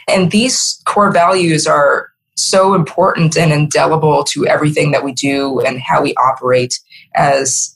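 A middle-aged woman with a low voice speaks earnestly and emphatically as a guest on a conversational podcast interview. She is a marketing executive, and the recording is rough.

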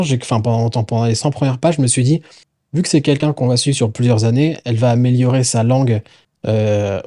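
A man's voice: mid-range voice, dark tone, no room sound, clean studio sound. A man co-hosting a casual book podcast, rambling and searching for words, swearing now and then. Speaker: podcast co-host. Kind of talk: casual chat about books.

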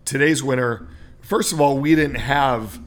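A man's voice: mid-range voice, measured pace. A man co-hosting a sports podcast, explaining racing at length in a casual chat, with many fillers. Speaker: podcast co-host.

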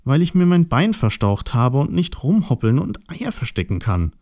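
A tiny Easter bunny squeaks and sobs in a very high voice, as a man performs it for a storybook. Its talk is excitable and quick to tears. The voice sits far above a normal speaking pitch. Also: dry recording, clean studio sound. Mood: hopeful. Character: Easter bunny, small, weepy, then hopeful. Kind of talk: storybook voice acting.

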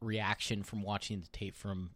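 A man hosting a casual sports podcast, relaxed and chatty, sometimes talking while eating. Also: on the low side, moderate pace, no echo, clean studio sound. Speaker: podcast host.

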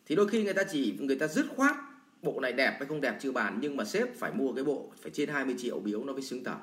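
A man's voice: medium pitch, big pitch swings, rapid-fire, a bit bright. A man teaching sales in a blunt, colloquial lecture full of everyday examples. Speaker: sales trainer. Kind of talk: lecture answering a viewer question. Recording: roomy echo.

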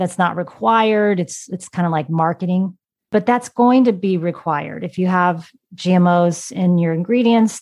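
A woman's voice: on the low side, darkish tone. A woman hosting a podcast interview, who asks her questions with curiosity and thinks aloud along the way. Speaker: podcast host. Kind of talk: conversational interview.

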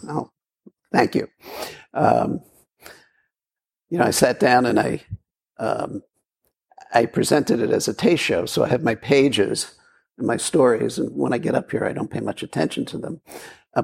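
Gravelly-voiced man giving a Zen talk. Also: medium pitch, darkish tone. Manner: rambling, storytelling with repetitions and fillers. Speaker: Zen teacher. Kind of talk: dharma talk. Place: meditation hall.

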